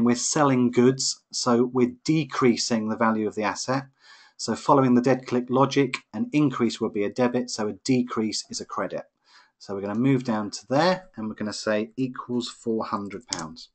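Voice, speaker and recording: A man tutoring accounting in a live online lesson, explaining each step patiently over a computer microphone. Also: mid-range voice. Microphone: computer microphone on a webinar.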